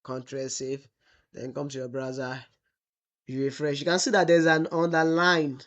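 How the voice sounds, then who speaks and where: A man's voice: mid-range voice, flat delivery, normal speed, lo-fi sound. A man teaching web development in a screen-recorded tutorial. He asks the class "what?" and answers himself, and he drawls out the example text while he types. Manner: asks the class rhetorical "what?" questions, then answers them.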